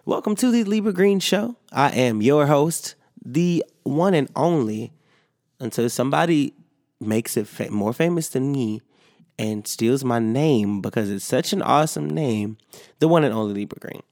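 A man talks loosely on his solo podcast, swearing and filling gaps with ums while his voice hasn't quite come back after an illness. He sounds animated and a little mellow in a mid-range voice at a moderate pace, recorded cleanly in a studio with no room sound.

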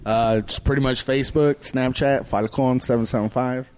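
A man's voice: medium pitch, steady tone, moderate pace, darkish tone. A man chatting casually as a first-time podcast guest. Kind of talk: casual chat.

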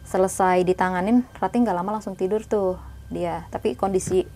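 A young woman casually telling a spooky story in slangy talk, sometimes hushed, sometimes animated. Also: medium pitch, moderate pace.

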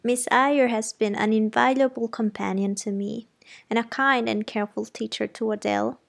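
A kindly, gently fussy old widow housekeeper who speaks earnestly and lifts her voice higher, as a woman puts her on while reading an audiobook. Her tone is warm-hearted and a little flustered. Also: fairly even intonation, moderate pace, vocal fry.

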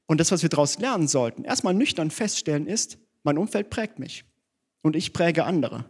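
A man's voice: a little high, animated, moderate pace, breathy edge. A man preaching a sermon in church, conversational and self-deprecating, mixing teaching with personal stories.

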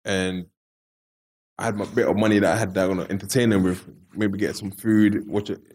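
A man with a fairly low-pitched voice talks in a London roadman accent. He tells his stories in loose street slang, like a guest in a relaxed interview, and re-enacts conversations as he goes. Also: a little fast. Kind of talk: casual storytelling in street slang.

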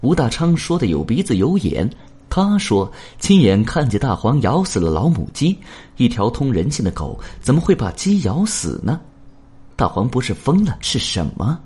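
A man's voice: medium pitch, big pitch swings, moderate pace, warm tone, husky. A man narrating a story expressively, shifting into voices for the characters.

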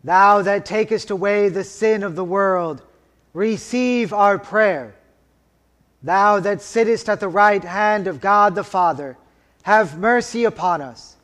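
High-voiced man intoning in cathedral echo. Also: fairly bright tone. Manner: solemn, measured intoning. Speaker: liturgical officiant. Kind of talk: slow intoned liturgy and scripture reading. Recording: long church reverb.

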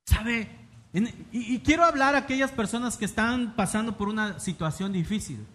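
A man's voice: high voice, moderate pace, fairly bright tone. A man with a Mexican accent preaching a sermon, reading scripture dramatically and putting rhetorical questions to the congregation. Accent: Mexican Spanish. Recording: long reverb of a large hall.

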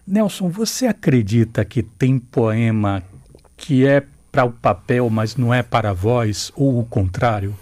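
A man hosting an interview, introducing his guest and asking questions in a plain, steady way. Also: medium pitch, no echo. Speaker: program host.

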